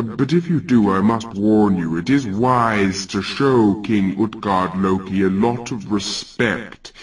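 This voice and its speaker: A man's voice: sits low, far from the mic, poor audio. A man voicing a huge, sleepy male giant who talks in a lazy, offhand, condescending way. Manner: lazy, mumbling, patronizing. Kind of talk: storytelling character voice.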